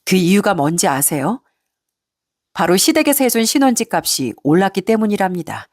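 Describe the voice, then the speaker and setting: A woman narrates a first-person story in a chatty, indignant tone, as if confiding in listeners. Her voice sits at a mid pitch and sounds dry and close, with no room echo. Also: big pitch swings, normal speed, a little mellow. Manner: conversational, recounting with indignation.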